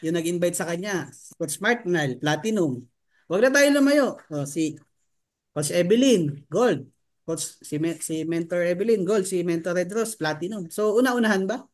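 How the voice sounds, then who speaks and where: A man with a high voice leads a sales training seminar. He keeps turning to his listeners with rhetorical questions and drops English terms into his talk as he explains. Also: expressive, moderate pace. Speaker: network marketing trainer.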